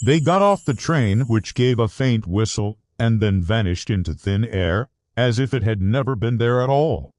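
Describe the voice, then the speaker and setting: A man narrating a scripted children's adventure story in an animated storybook manner. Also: on the low side, normal speed, hardly any pauses, no room sound.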